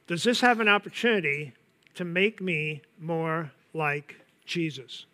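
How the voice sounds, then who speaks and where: A man preaching a sermon in an earnest way, often asking the listeners questions and pausing to let a point land. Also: on the high side, lively intonation, sharp tone. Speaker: pastor.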